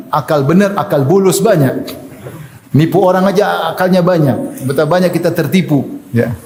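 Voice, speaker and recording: A high-voiced man delivers a sermon in a lively, joking way and acts out prayers. His voice rings through a large echoey hall with a long reverb. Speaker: preacher.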